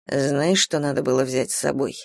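A calm young man with a lowered, hushed voice and an easy, teasing way of talking, as a woman narrator voices him. The reading is close and dry, with no room sound. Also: normal speed, creaky, no echo, exaggerated voice.

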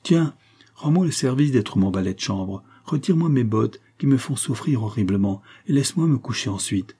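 A man's voice: mid-range voice, lively intonation, moderate pace, dark tone, breathy edge. A man voicing a male impostor nobleman in an audiobook, with curt, haughty and angry outbursts. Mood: scornful.

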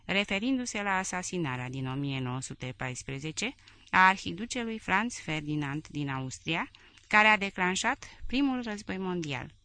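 A woman narrates a memoir in a measured, carefully articulated reading. Her voice sits low, yet has a bright, pointed edge. She keeps an even, steady reading pace. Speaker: audiobook reader.

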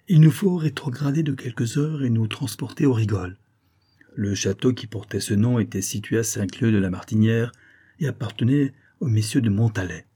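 A man narrating a classic novel in a measured storytelling manner. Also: on the low side, mellow, slightly rough. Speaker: audiobook narrator.

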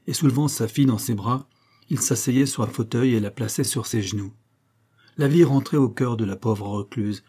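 Man reading an old novella, steady even pace, warm dark tone. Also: lowish voice, slightly rough. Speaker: audiobook reader. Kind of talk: scripted narration of a classic novella.

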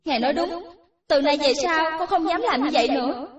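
Lady reading a jumpy young girl cashier, high voice, keeps exclaiming, echoey and a bit far. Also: fairly quick, muffled recording, close to an everyday voice. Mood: earnest. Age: 20s. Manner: excitable, exclaiming, pleading. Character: anxious young woman cashier, excitable and remorseful. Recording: roomy echo, distant from mic.

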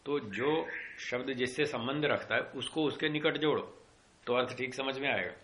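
A middle-aged man teaching a class on yoga philosophy, explaining slowly, repeating key terms and acting out the people in his stories. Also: medium pitch, fairly bright tone, slight background noise. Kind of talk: classroom lecture with anecdotes.

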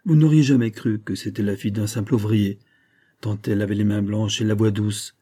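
A man voices an old Genevan gunsmith, worn down by grief, who tells his own sad story in a tender, despairing, emotional, confiding way, like a spoken storybook character. His natural voice is low, very dark and mellow with a husky edge, fairly even in intonation and a little fast.

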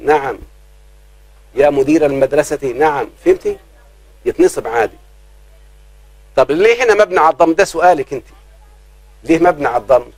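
Man, Egyptian accent, grammar teacher, breathy husky tone, quizzes students, stretches out examples. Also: on the high side, a little mellow, no echo, low-quality recording. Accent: Egyptian Arabic. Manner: keeps quizzing students, slows down to drawl examples. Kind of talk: live classroom lesson.

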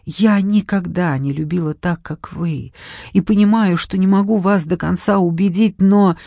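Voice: mid-range voice, normal speed, creaky, mellow, no echo, clean studio sound, close to an everyday voice. A reader voicing a young woman apprentice mage who pleads earnestly, frightened yet determined. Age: young adult. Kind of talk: audiobook reading.

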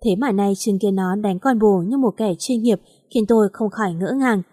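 A woman reading a first-person story aloud in a lively manner, voicing the characters' lines. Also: medium pitch, moderate pace, dry recording, clean studio sound. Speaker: story reader.

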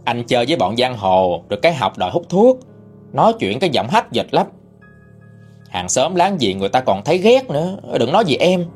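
A man narrating a first-person story in an expressive, indignant manner. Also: mid-range voice, fairly quick, husky, soft background music.

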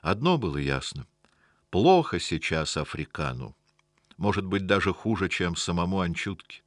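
Deep-voiced man reading a storybook. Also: expressive, normal speed, no room sound, studio quality. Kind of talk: scripted storybook narration.

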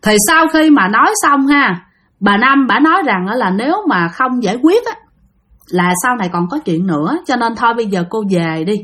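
Speaking at a normal pace, a woman with a Southern Vietnamese accent tells a ghost story, chatting directly to her listeners. Her voice sits on the high side, expressive and a bit bright.

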